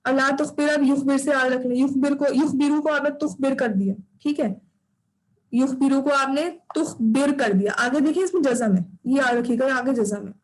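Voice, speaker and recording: A woman's voice: high-pitched, normal speed, poor audio. A woman teaching an online class, patiently drilling recitation and repeating her corrections over a video call.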